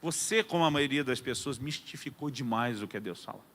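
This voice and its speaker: A man voicing a calm, patient older male mentor pastor inside his sermon story. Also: mid-range voice, fairly quick, voice pushed down. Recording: long hall reverb.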